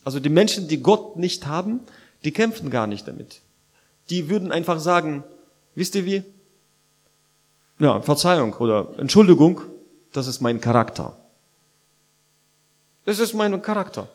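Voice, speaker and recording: A man's voice: fairly high pitch, expressive, moderate pace, long pauses. Man preaching a casual sermon. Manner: conversational preaching with many fillers and restarts, growing loud at points.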